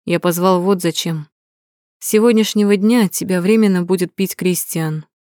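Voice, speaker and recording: A woman's voice: fairly low pitch, moderate pace, mellow, dry recording, clean studio sound, lightly acted. A woman voicing a haughty, mocking male vampire lord in an audiobook, with a sneering drawl.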